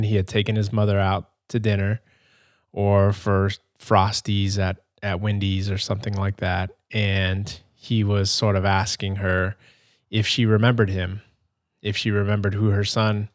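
Male podcast host, young adult, low voice, hesitant chatty delivery. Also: no echo, clean studio sound. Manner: rambling, hesitant, many fillers and restarts. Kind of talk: casual gameplay commentary.

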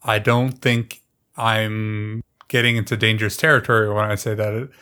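A man co-hosting a podcast, talking in a measured, argumentative way in casual chat. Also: on the low side, flat delivery, sharp tone, clear, resonant tone. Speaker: podcast co-host.

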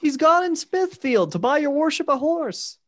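A man voicing a quick, cheeky young page boy who reports back to his master. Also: extremely high pitch, big pitch swings, a bit bright, voice pushed up, exaggerated voice. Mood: pert. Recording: tinny phone-like sound in an echoey room.

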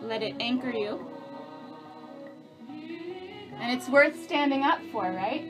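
A woman's voice: high voice, very animated, takes it slowly. A woman teaching yoga, giving encouraging, easygoing step-by-step cues and counting breaths over the movements. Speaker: yoga instructor. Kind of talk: guided yoga class instruction with breath counts. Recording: plucked guitar music behind the voice. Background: guitar music.

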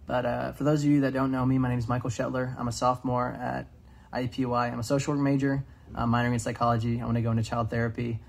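A man's voice: medium pitch, monotone, rapid-fire, vocal fry. A young man in his twenties giving an earnest devotional talk, casual and full of fillers. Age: 20s. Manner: earnest, many "um"s, reads scripture aloud. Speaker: student devotional speaker.

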